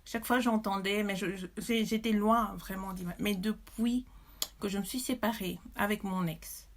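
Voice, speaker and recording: A woman from Belgium, telling her story as a mother, emotional and indignant, with many hesitations. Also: medium pitch. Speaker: mother testifying. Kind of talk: personal testimony to camera.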